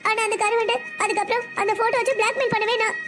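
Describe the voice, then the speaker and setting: A woman's voice: very high voice, fairly even intonation, very fast, over music. A woman voicing a heartbroken seventeen-year-old girl in a family cartoon, complaining through tears. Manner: tearful, complaining. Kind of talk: cartoon voice acting.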